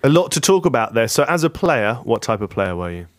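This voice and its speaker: A man's voice: mid-range voice, big pitch swings, brisk, no room sound, studio quality. A man hosting a sports radio show, asking questions in an upbeat, jokey way. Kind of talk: casual radio interview.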